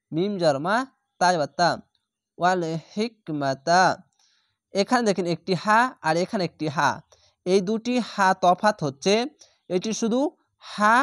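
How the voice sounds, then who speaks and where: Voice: medium pitch, no echo. Patient Quran reading teacher, dry close sound. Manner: spells Arabic words letter by letter, then recites them slowly and drawn out; patient, repetitive instruction to viewers. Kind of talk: online recitation lesson.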